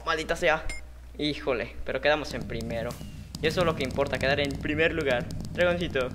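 A man's voice: mid-range voice, a bit bright, slight background noise. A young man with a Mexican accent giving jokey, slangy let's-play commentary, talking to himself and his viewers. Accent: Mexican Spanish. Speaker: gaming youtuber.

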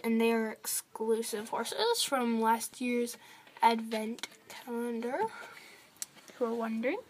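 High-voiced young girl giving a chatty tour. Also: fairly bright tone. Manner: chatty, rambling, lots of fillers. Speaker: toy horse collector giving a barn tour. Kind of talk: casual vlog tour. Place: indoors, small room with a toy barn. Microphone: handheld phone camera close to toys.

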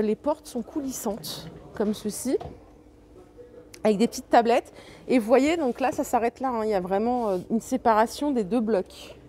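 A woman's voice: a little high, mellow. A woman giving a chatty, enthusiastic shopping walkthrough inside a large furniture store, listing prices and sizes. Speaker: shopping vlogger. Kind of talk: casual store walkthrough vlog. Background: faint store ambience.

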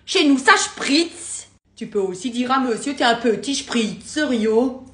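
A woman, giving a comedic, emphatic dialect lesson to camera in an animated, theatrical way. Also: a little high, a little slow. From Alsace, France. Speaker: content creator. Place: home kitchen, indoors. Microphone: phone at arm's length. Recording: echoey room, phone recording.

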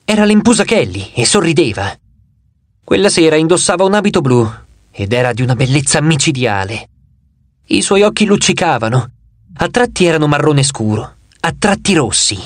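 A man reading an audiobook in expressive scripted narration into a close studio mic. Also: fairly high pitch, moderate pace, no echo.

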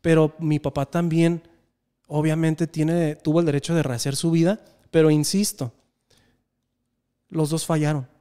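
Mexican man in his thirties, earnest reflective storyteller, slightly high, mellow tone. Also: fairly even intonation, moderate pace, pauses often, smooth. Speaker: podcast guest. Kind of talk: casual conversation.

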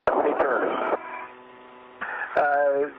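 A man's voice: fairly high pitch, very slow. A man coordinating a spacewalk over a radio link, speaking in hesitant procedural phrases. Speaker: crew member coordinating a spacewalk. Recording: dull radio link with faint noise.

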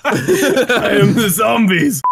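A man's voice: high-pitched, very animated, extremely slow, gravelly, over loud music. A young man laughing and hyping up his friends in game voice chat on a headset. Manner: laughing, hyped. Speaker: gamer.

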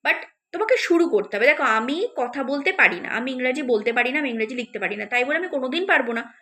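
Female tutor, bright forceful tone, coaches students directly, hesitant fillers. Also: high-pitched, animated, fast. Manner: encouraging, addresses viewers directly with many fillers. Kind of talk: spoken advice lesson to students.

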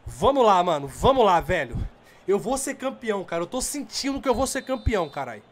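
A man's voice: high-pitched, fairly quick, a little hiss or hum. A Brazilian man giving live gameplay commentary, swearing and urging his players on, keeping his voice down because of the late hour. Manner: excitable, swearing and urging on the screen; holding back from shouting because of the late hour. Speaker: gamer.

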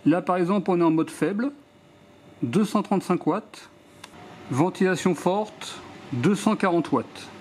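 A French man calmly walking through a product test off camera, reading out measurements one by one in a matter-of-fact way. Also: high-pitched, a little slow, long pauses, a little hiss or hum. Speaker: DIY product reviewer. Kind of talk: hands-on product demonstration voice-over.

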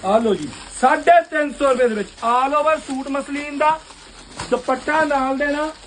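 A man, a shopkeeper giving a loud live sales pitch for suits in his basement clothing shop, calling out prices rapid-fire. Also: a little hiss or hum.

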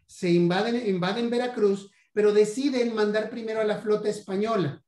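A man's voice: high voice, fairly even intonation, a little mellow. A Mexican man giving a history lecture about coins, stumbling over repeated words and fillers. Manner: halting, many repeats and "este" fillers. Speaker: guest numismatics lecturer. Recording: roomy echo.

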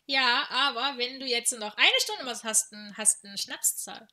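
A woman chatting casually on a livestream with friends and viewers, playful and expressive. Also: a little high, unhurried. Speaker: livestream host, VTuber streamer. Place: indoors, streaming setup at a computer.

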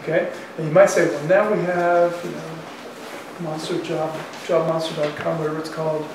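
An economics professor in his sixties talks through ideas aloud in casual language, lecturing at the chalkboard of a university classroom. His fairly high voice barely moves in pitch and keeps a normal speed. The sound comes from a distance in a very echoey room, with faint background noise.

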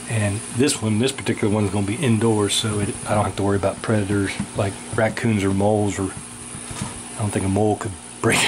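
A man's voice: fairly low pitch, noisy background. A man casually vlogging off the cuff, rambling in a folksy way with lots of fillers, filmed indoors at home on a handheld camera. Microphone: handheld camera mic.

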